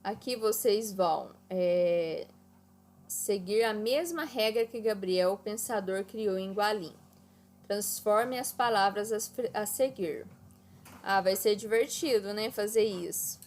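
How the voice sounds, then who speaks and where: A woman's voice: mid-range voice, slow, a little mellow. A woman teaching an online class to children, walking them through exercises patiently and checking in often. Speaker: primary school teacher.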